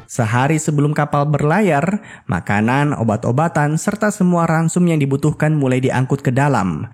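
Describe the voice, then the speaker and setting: A man's voice: on the high side, lively intonation, moderate pace, faint music behind. A man narrating a film's plot as scripted storytelling with casual asides. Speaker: film recap narrator.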